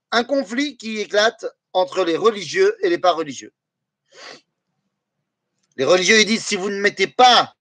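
Lively, high-pitched male Torah teacher. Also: dry recording. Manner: lively, asks the audience questions, mixes in Hebrew phrases. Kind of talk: Torah class in French.

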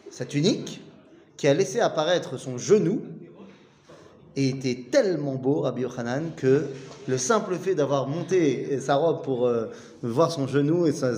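Lively man teaching in a reverberant room. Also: a little high. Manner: reads Aramaic, then retells it in chatty, joking French. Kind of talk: casual Talmud study lesson.

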